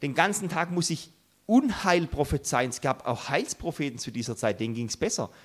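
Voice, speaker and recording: A man preaching a sermon, earnest and emphatic, building his points with dramatic pauses. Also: on the high side, lively intonation.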